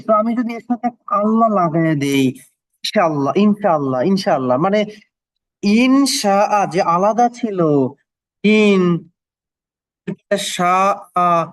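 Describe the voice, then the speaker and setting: High-voiced man teaching in an online class. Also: dry recording. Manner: explains word by word, repeats meanings, asks "okay?". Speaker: Arabic and Quran teacher.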